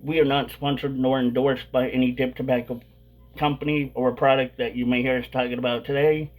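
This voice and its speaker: A man's voice: medium pitch, flat delivery, fairly quick, rough recording. A man hosting a casual vlog, talking with a dip of chewing tobacco tucked in his lip. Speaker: video host.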